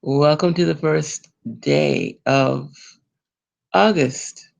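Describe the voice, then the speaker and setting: A woman reverend hosting a spiritual broadcast, talking in a gentle, smiling, meditative way. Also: deep voice, drawn-out words, gravelly. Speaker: reverend and host of a spiritual program. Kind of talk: slow spiritual broadcast talk.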